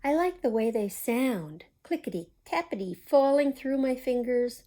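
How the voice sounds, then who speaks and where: A high, expressive voice with a dark tone, a little slow: a woman hosting storytime at a community library. She reads a children's picture book aloud dramatically, with small comments to the young listeners.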